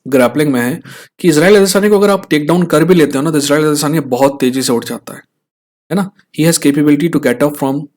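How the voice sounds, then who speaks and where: A young Indian man with a mid-range voice talks through a fight analysis in an easy, conversational way. He keeps tossing quick tag questions at his listeners to pull them along. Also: medium pitch. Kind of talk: casual explainer talk.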